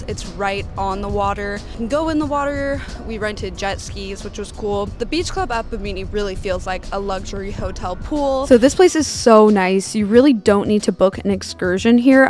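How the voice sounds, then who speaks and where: A young woman talks through her travel vlog in a relaxed, candid way, sprinkling in fillers as she goes. Her pitch sits at an ordinary middle height. Soft music plays faintly underneath her voice. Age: young adult. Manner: chatty, candid, filler-heavy ("like", "you know"). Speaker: travel vlogger. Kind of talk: casual travel vlog narration. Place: cabana day bed on a beach, outdoors.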